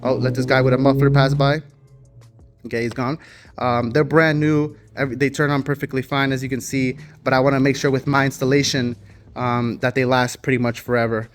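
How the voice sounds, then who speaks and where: A man's voice: mid-range voice, flat delivery, fairly quick, soft background music. A man who runs a custom car shop, talking casually to his viewers and rambling loosely with fillers and restarts.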